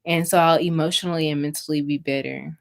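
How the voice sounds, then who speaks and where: Chatty young woman with a low voice. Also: fairly even intonation, fast talker, creaky. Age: young adult. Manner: chatty, talks straight to viewers; reads aloud from a book, stumbling over words. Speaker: livestream host. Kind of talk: casual livestream chat.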